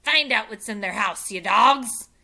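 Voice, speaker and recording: A huge, mean pirate captain who roars and growls out each word slowly, as a woman reader puts him on. He is greedy and bullying, with a loud, drawn-out storybook bellow. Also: fairly high pitch, animated, creaky, pitched above the performer's own voice, exaggerated voice. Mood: roaring.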